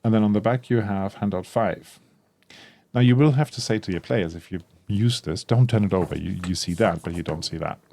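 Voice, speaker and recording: A man's voice: fairly low pitch, mellow. A man giving casual, enthusiastic unboxing commentary as a tabletop game creator, thinking aloud with frequent ums and self-corrections. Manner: enthusiastic about the product. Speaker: tabletop RPG content creator.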